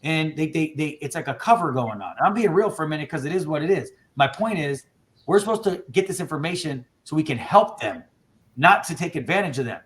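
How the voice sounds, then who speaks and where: His voice is on the high side and his pace brisk. He runs an insurance agency and is leading a lively, informal video-call training for his agents, hyped up and peppering his talk with "dude" and "bro."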